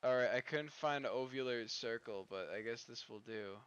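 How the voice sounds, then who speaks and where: A man live-streaming a game, talking to his chat in a rambling, profane, excitable way. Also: medium pitch, normal speed, muffled recording, background noise.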